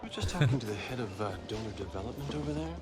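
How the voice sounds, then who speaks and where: A man's voice: mid-range voice, animated, very fast, a loud crowd, close to an everyday voice. A man playing a glib, teasing novelist in a crime drama, with wry, playful banter over music. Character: glib, teasing male novelist tagging along with police. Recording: music behind TV dialogue.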